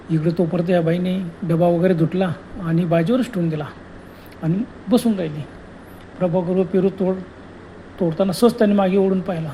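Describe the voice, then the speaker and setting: Mellow-voiced male horror storyteller. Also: high voice, slight background noise, rough recording. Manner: earnest, dramatic retelling with repeated phrases.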